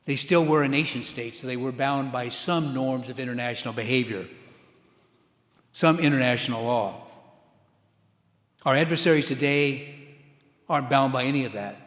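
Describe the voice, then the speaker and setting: An older American man giving a formal keynote speech, with deliberate, emphatic delivery and the repeated cadences of a rally speech. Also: medium pitch, fairly bright tone. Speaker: keynote speaker, former intelligence official. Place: large indoor conference hall, amplified. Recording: echoey hall with long reverb.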